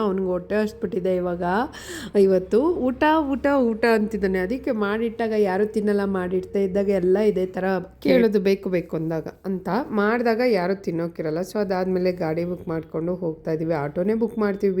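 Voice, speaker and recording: A woman's voice: mid-range voice, warm tone. A woman vlogger, chatting through a casual voice-over about her day. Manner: chatty, quick, explaining daily routine.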